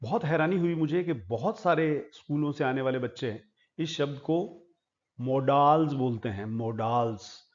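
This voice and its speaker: A man from India, teaching English pronunciation in a slow lesson and repeating each word several times. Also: a little high, expressive, darkish tone, muffled recording.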